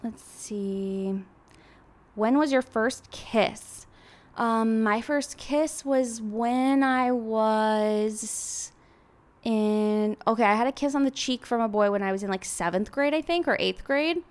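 A woman's voice: on the high side, slow. A woman in her twenties telling personal stories in a casual confessional vlog, chatty and rambling, with lots of filler words. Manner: chatty, heavy use of "like", rambling. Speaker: vlogger.

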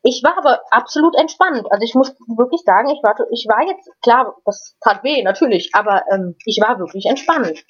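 A woman guest recounts a personal experience in casual, unscripted talk. Her voice sits a little high, and she often stops and repeats words before going on. The recording sounds slightly muffled and lo-fi. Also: expressive, breathy edge. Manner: halting, frequent restarts and repeated words. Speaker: interview guest. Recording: dull lo-fi recording.

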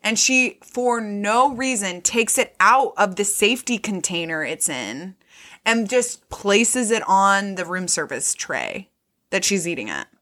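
Woman podcast co-host, bright voice, chatty, says like a lot, swears. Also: medium pitch, very animated, measured pace. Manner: chatty and loose, full of "like", swears freely. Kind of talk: casual chat recapping a movie.

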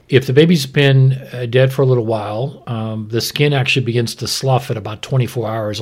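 In a mid-range, somewhat dark voice, a male doctor talks a co-host through a medical topic conversationally. He's straightforward and instructive, frequently posing his own questions and then answering them.

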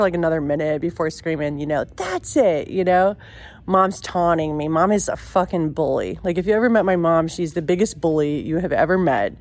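Young woman, lowish voice, casual profane storytelling, animated and self-mocking.

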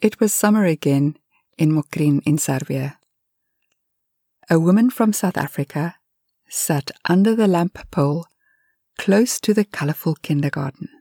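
A woman reads a storybook aloud in a gentle, very unhurried voice that sometimes slips into a whisper. Her tone is soft and a little low. The sound is close and dry with no room around it. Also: husky, no room sound. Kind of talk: storybook narration.

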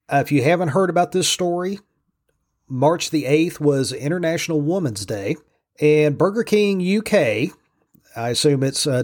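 A man speaks in a mid-pitched voice with an Appalachian hillbilly drawl. He talks casually as a solo podcast host, humble and self-deprecating in how he addresses listeners. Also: darkish tone. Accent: Southern US hillbilly drawl, Appalachian-like.

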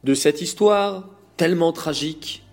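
A man narrating a religious story in a measured, expressive reading voice. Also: fairly high pitch. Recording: faint music behind.

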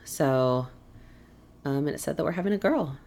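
Relaxed young woman, casual chat. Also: sits low, moderate pace. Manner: relaxed, laughs often, soft murmured agreements. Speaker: podcast co-host.

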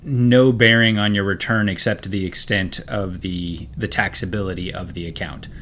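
Very low-voiced explaining financial advisor man. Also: steady tone, a bit bright, slight background noise. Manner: explanatory, measured. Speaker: podcast co-host, financial advisor. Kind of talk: casual chat.

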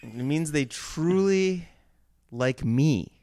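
A man's voice: on the high side, expressive, slow, dark tone, no echo, clean studio sound. A man co-hosting a casual podcast, joking at his own expense and often laughing. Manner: jokey, self-deprecating, breaks into laughter. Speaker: podcast co-host. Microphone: remote call mic.

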